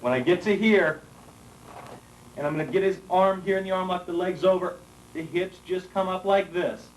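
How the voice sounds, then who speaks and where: A man, a martial arts instructor, calmly explaining moves step by step while he demonstrates them, heard from a worn VHS tape copy. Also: high-pitched, moderate pace. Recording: faint hiss, roomy, voice from far off the camera mic on old tape.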